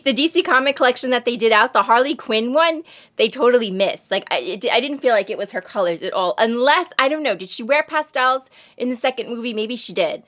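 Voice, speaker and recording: Her voice sits fairly high and sounds a bit bright as this Long Island-accented American vlogger talks through makeup reviews. She rambles, makes fun of herself, and sniffles a little from allergies in this casual chat.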